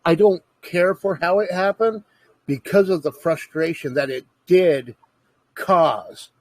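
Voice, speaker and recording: A man's voice: a little high, slow, no echo. A man in casual conversation, earnestly explaining his views at length in a lecturing way.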